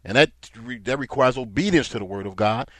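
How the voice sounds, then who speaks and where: A man's voice: mid-range voice, expressive, fairly quick, no room sound. A man preaching a Bible lesson. He reads verses aloud in old-fashioned wording, then explains them and grows emphatic. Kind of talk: Bible teaching sermon.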